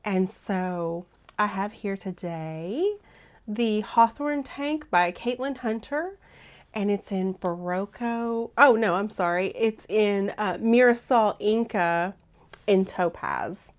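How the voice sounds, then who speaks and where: A woman hosting a knitting vlog in a chatty, rambling way, her voice hoarse and froggy. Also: medium pitch, lively intonation, slow. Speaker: knitting vlogger. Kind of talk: casual vlog chat.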